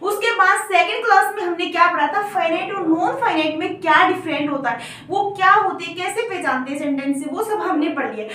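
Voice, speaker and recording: Woman, very high voice, grammar teacher, patient step-by-step explaining, very echoey room, far from the mic. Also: fairly quick, hardly any pauses, bright, forceful tone. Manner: explanatory, repeats "theek hai" to check understanding. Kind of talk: online grammar lesson.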